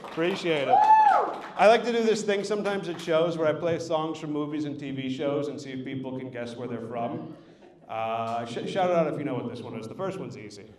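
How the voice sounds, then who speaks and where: A man's voice: fairly high pitch, brisk, recorded from a distance. A man doing a stand-up set in an art gallery, telling a story with lots of swearing and acting out the people in it. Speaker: stand-up comedian. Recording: echoey room.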